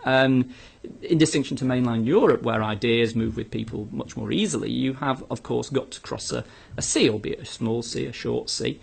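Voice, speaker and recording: A law lecturer leads a live question session, giving an informal academic talk and answering off the cuff. He thinks aloud in a tentative, self-interrupting way, with a mid-range voice at a moderate pace, vocal fry and a breathy edge.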